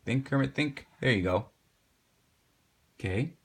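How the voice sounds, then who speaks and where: A man with a medium-pitched, expressive voice and a breathy edge gives a homework help lesson, patiently guiding viewers through a math problem and urging them to pause and work along.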